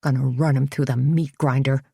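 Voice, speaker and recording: A woman voicing Tony, a wisecracking middle-aged woman friend in an audiobook mystery, playful and quick. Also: a bass voice, fairly even intonation, creaky, dark tone, slightly rough, no room sound, clean studio sound, full character voice. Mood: fuming. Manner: wry, exasperated, fiery. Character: feisty middle-aged woman caught in a jam, joking.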